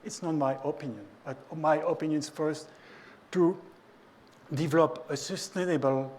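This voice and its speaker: Middle-aged man, French accent, slightly raised pitch; measured prepared talk, halting with restarts. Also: darkish tone. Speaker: ethics speaker.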